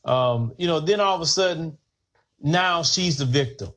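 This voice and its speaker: Fairly high-voiced man, opinionated podcast host, animated. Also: normal speed. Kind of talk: casual commentary podcast.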